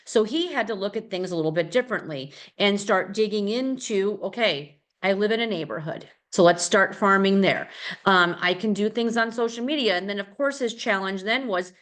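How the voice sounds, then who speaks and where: A woman's voice: mid-range voice, fairly bright tone. A middle-aged woman leading a casual real estate team training, chatty and rambling, with many fillers and restarts.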